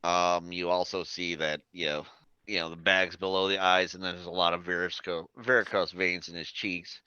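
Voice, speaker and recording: Bright-voiced male game master, rambling. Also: deep voice, steady tone, normal speed, clear, resonant tone, dry recording, muffled recording. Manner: rambling, many fillers. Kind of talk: narrating a tabletop game.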